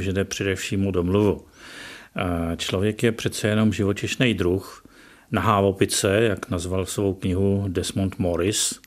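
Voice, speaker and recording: A man, a professor being interviewed, who explains his views in a measured way and often pauses with hesitant fillers. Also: fairly low pitch. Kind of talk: radio interview, opinionated explanation.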